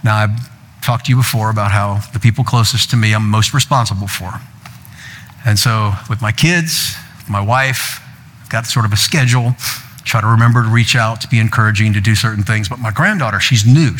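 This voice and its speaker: A man's voice: lowish voice, normal speed, fairly bright tone. An older man preaching as a pastor, telling a personal story and quoting his family in playful raised voices. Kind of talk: sermon. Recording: long hall reverb.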